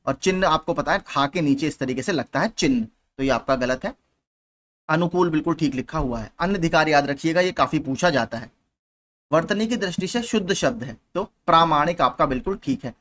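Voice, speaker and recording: A man's voice: a little high, animated, brisk, fairly bright tone. A young man teaching as a channel host, patiently working through exam questions one by one and often repeating key points. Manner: patient, repeats points, frequent "theek hai" checks.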